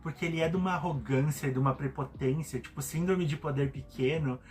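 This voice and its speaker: A man's voice: on the high side, fast talker. Sarcastic Brazilian man commentating. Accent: Brazilian Portuguese. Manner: indignant, sarcastic, animated. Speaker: commentator, channel host. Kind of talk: casual opinionated commentary.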